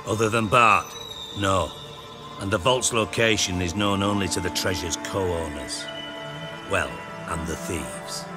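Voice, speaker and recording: Voicing an irritable, self-important crime boss in video game dialogue, a male actor sounds sardonic, clipped and foul-mouthed, in a dry, irritated mood. His voice is low and a little slow, with music playing behind it.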